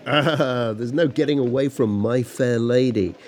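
A man co-hosting a scripted podcast conversation in a relaxed, reflective way. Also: mid-range voice, a little slow, a little hiss or hum. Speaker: podcast co-host. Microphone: studio microphone.

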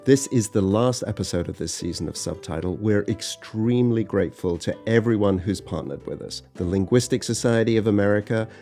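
A man co-hosting a scripted podcast conversation in a relaxed, reflective way. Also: fairly low pitch. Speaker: podcast co-host. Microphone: studio microphone.

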